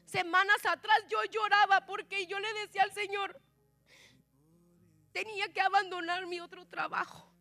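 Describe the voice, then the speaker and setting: A woman preaches a fervent sermon in a church. Her voice sits extremely high and rings sharp and piercing. Faint music plays softly behind her. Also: level tone, normal speed, no room sound. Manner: impassioned, keeps addressing listeners as "my brother". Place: church sanctuary.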